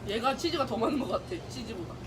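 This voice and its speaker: A woman's voice: fairly high pitch, lively intonation, quick pace, crowd noise. A young woman chatting casually over food, reacting in short enthusiastic remarks. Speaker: mukbang guest. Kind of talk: casual chat while eating. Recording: clearly noisy background.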